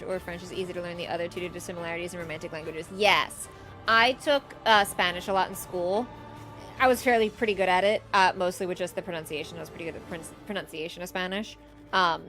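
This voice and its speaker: A woman's voice: on the low side, a bit bright. A woman streaming a game live, chatting casually, reading chat aloud and laughing often.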